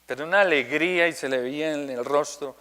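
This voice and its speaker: A man's voice: fairly high pitch, brisk, big-room sound. A male Colombian priest giving a homily, telling a personal story and acting out the people he quotes. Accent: Colombian Spanish. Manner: storytelling, quoting others in lively voices.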